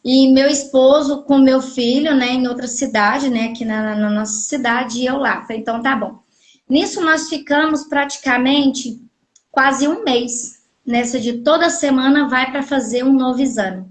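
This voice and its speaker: A woman's voice: high-pitched, normal speed. A middle-aged woman from Goiás, Brazil, telling her story casually on a live stream, acting out the voices of people in it. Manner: animated, acts out quoted dialogue. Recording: echoey room audio from a live stream.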